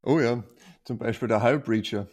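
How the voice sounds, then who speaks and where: A man co-hosting a casual card game podcast. His voice is of average pitch. He asks questions and hesitates with fillers. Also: moderate pace, darkish tone. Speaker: co-host.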